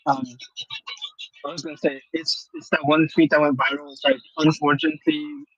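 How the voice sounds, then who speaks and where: A man co-hosting a casual podcast discussion from his car over a glitchy, buzzy call line that keeps cutting out, admitting things grudgingly and haltingly. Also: level tone, a bit bright. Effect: buzzy, glitchy call audio that cuts out. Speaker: podcast co-host. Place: in a car while driving. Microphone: remote call. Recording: muffled, low-fi call line.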